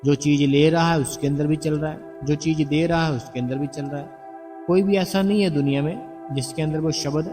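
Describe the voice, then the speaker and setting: A man's voice: on the high side, steady tone, normal speed. Earnest man giving a devotional talk. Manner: earnest, repetitive, coaxing explanations. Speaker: spiritual narrator addressing the congregation. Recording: distant mic with background music.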